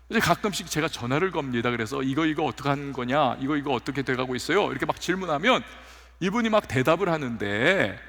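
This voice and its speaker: A male pastor delivers a sermon in a church, telling his stories with acted-out quotes. His voice is somewhat high and gravelly, and it rings with a long hall reverb. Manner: animated storytelling with acted quotes. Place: church sanctuary.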